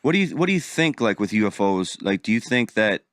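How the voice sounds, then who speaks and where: A man's voice: on the low side, big pitch swings, a little fast, fairly bright tone, dry recording. A man co-hosting a podcast in casual chat, rambling and swearing freely. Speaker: podcast co-host.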